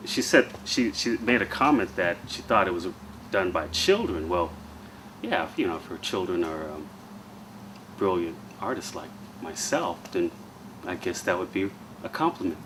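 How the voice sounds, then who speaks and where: A man's voice: low voice, very animated, normal speed, background noise. A man playing a pompous, self-satisfied office artist in a mockumentary comedy.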